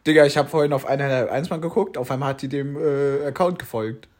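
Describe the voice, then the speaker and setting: A man's voice: medium pitch, quick pace, a little mellow. A young man, co-hosting a casual podcast chat, slangy and laughing as he tells stories. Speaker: podcast co-host.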